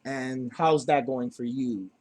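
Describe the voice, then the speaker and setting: Rambling loosely with plenty of fillers, a man hosts a homemade podcast from his home basement in a casual chat. His mid-range voice is steady and slightly mellow, and he takes his time.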